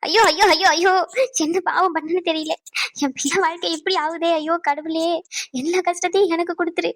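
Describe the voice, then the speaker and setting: A woman's voice: very high voice, fairly bright tone, no room sound, clean studio sound. Woman voicing a wailing older mother-in-law. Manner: wailing and accusing, rapid. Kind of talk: cartoon family drama voice acting.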